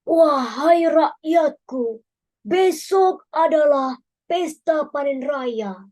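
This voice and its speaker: A woman voicing a just and wise male bee king in a storybook reading, speaking in a slow, grand proclamation. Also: high-pitched, lively intonation, a little mellow, pitched above the performer's own voice, full character voice. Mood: commanding.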